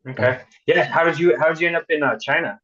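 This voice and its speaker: A man hosting a podcast in casual chat, halting and filling pauses often. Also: fairly high pitch, sharp tone. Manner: halting, many fillers. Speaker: podcast host. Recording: dull lo-fi audio.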